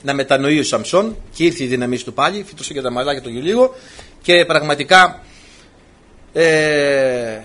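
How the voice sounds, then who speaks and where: A man's voice: fairly high pitch, fairly bright tone. A man preaching a sermon, retelling old stories with animation and acting out the lines of the people in them.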